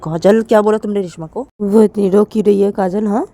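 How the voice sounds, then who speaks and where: A woman's voice: mid-range voice, fairly even intonation, brisk, warm tone, natural voice. A woman voicing a stern mother who scolds and demands answers with insistent repeated questions. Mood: scolding. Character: stern angry mother interrogating her daughters.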